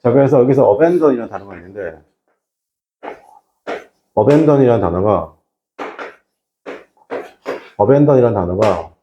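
A middle-aged man teaching an English reading class to high school students, often asking rhetorical questions. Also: expressive, slow pace, long pauses, highs cut off, a little hiss or hum. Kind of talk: classroom lecture.

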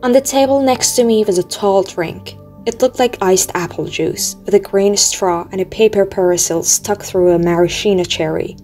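A woman reading an audiobook aloud in a steady, measured storytelling manner. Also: mid-range voice. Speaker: audiobook reader. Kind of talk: audiobook narration. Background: faint music.

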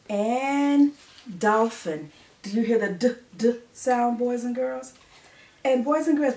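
A woman's voice: a little high, darkish tone. A middle-aged woman teaching a children's lesson to camera, speaking in simple, repeated phrases as a preschool teacher. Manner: simple, repetitive phrasing addressed to young children. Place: living room or study at home. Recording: roomy, distant mic, faint noise.

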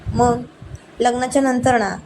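A woman voicing a bashful young woman in love, pleading and gently scolding. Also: on the high side, steady tone, measured pace, noisy background, natural voice. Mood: shy, pleading.

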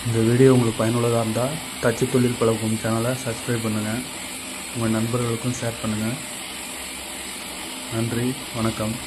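Completely flat in delivery and medium in pitch, a carpenter from Tamil Nadu talks at normal speed but pauses often while teaching tool-making on his channel. He explains plainly and casually, step by step, repeating himself amid background noise.

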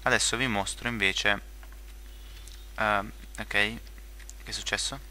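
A man's voice: fairly low pitch, fairly even intonation, slow pace, pushed and bright, a little hiss or hum. A young man giving casual gameplay commentary, rambling with many fillers, restarts and joking asides. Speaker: gaming video creator.

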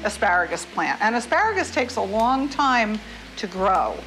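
A middle-aged woman hosts a cooking show in a home kitchen, walking through each step with friendly, explanatory instruction over a music bed. Her medium-pitched voice is sing-song, bright and forceful at a moderate pace, though the audio is poor.

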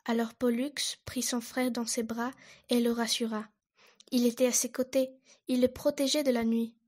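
A woman reading a children's picture book aloud in an expressive, lively way. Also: a little high, normal speed. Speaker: reader.

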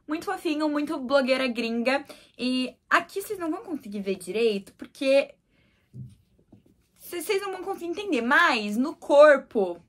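Gushing high-voiced Brazilian woman vlogger. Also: expressive, moderate pace, a bit bright. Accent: Brazilian Portuguese. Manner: gushing, repeats words for emphasis. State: shivering from the cold. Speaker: fashion vlogger. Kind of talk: casual clothing haul vlog.

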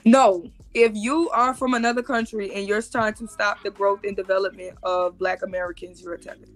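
A woman in her thirties, a guest calling into a live stream by video, talks fairly quickly with fairly even intonation at a medium pitch. She explains things emphatically, often saying them again, while faint music sits behind her.

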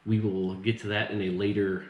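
Low-voiced man chatting in an echoey room. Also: level tone, brisk, a little mellow, dull audio. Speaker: co-host of a casual film review. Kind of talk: casual chat. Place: open living and dining room at home. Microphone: camera mic a little way off on the table. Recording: echoey room, faint background noise.

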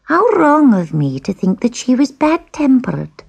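A woman's voice: high voice, sing-song, unhurried, creaky, a little mellow, husky, dull audio, voice pushed up, exaggerated voice. A woman voicing the inner thoughts of a small, trusting male cat in a storybook reading. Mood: musing.

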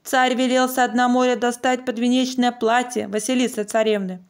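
A woman's voice: on the high side, little pitch movement, moderate pace, natural voice. A woman voicing a humble, polite young male archer in a fairy tale. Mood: distressed. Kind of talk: storybook narration in character.

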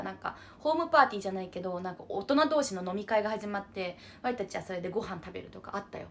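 A woman's voice: fairly high pitch, slight background noise. A young woman hosting a casual livestream, bubbly and chatty as she reads out viewer comments. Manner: bubbly, refers to herself with an unusual cutesy pronoun. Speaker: livestream idol host.

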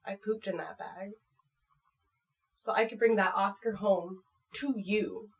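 Sitting at a computer desk in a small room at home, a twenty-something American woman reads out viewer comments in a casual vlog chat. She's playful, frank and a little crude with her audience, speaking in a mid-range voice at a measured pace.

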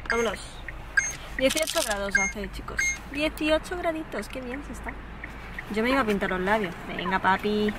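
A woman's voice: on the high side, normal speed, heavy background noise. A woman, chatting to a handheld camera in a family vlog, laughing often. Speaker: family vlogger. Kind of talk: casual vlog chat. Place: car and home. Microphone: handheld camera at arm's length.

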